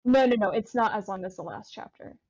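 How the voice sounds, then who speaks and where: A woman's voice: mid-range voice, a little fast, a little mellow. A woman chatting casually about her own story, hesitant, repeating words and correcting herself. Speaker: author of the fan fiction. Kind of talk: casual voice chat.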